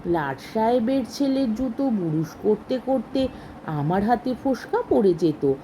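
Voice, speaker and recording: A woman voicing a poor, resentful boy servant who talks in a low, hushed voice. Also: lively intonation, a little slow, a little hiss or hum. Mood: aggrieved.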